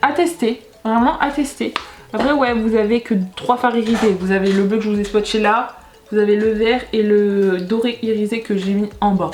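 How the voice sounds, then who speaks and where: A woman's voice: medium pitch, fairly even intonation, normal speed, darkish tone, reverberant. A young woman vlogger chatting casually through a makeup unboxing, often restarting and correcting herself mid-sentence. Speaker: beauty vlogger.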